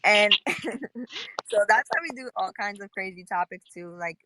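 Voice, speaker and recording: Against some background noise, a young podcast host from New York speaks in a mid-range voice, a little slowly. It's casual chat on a live audio panel, and she talks freely, laughs a lot and keeps saying "like."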